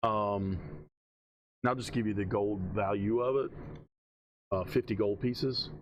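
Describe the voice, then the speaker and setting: A man narrating casually as game master, halting and thinking aloud as he goes. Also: fairly low pitch, steady tone, slight background noise.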